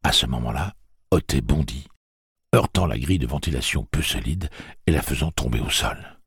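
A man reading a story aloud as narrator, in a dramatic, animated way. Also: a bass voice, moderate pace, creaky, breathy edge, dry recording, clean studio sound. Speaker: audiobook narrator. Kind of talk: scripted narration.

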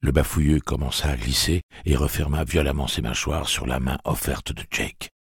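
A man reading a novel aloud as an audiobook narrator, with a gravelly, husky voice and a steady, measured delivery. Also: very deep voice, no echo, studio quality. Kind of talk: scripted narration.

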